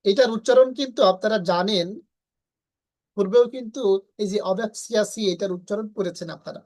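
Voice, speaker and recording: Teaching how to pronounce Gita verses, this woman from Bangladesh speaks with a Bangladeshi Bengali accent in a mid-range, gently mellow voice. She takes her time, patiently going over syllables and singing the lines in a melody.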